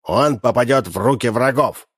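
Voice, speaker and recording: A man reading an audiobook and voicing a shrill, cantankerous old man who shrieks his lines. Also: moderate pace, breathy edge, dry recording, clean studio sound, natural voice. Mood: defiant. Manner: shrieking, squealing.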